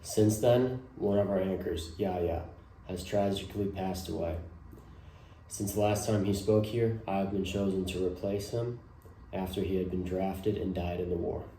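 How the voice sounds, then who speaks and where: A man's voice: sits low, normal speed, mellow. A man playing a solemn 1940s news anchor, formally reading a scripted newscast. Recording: echoey room with faint noise.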